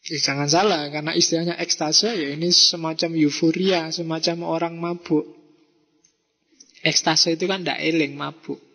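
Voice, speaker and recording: A man with a Javanese accent gives a lively lecture, his voice sitting a bit high for a man. He acts out quoted messages as he talks. The sound rings with a long echo, as in a big hall. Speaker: philosophy lecturer. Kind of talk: lecture to students. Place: mosque hall. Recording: reverberant hall.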